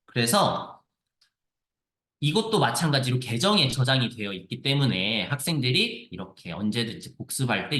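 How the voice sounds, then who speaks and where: A man teaching how to use a reading app, explaining with lively repetition as he clicks through a screen-share tutorial. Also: mid-range voice, echoey room. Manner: lively explanatory, repeats phrases.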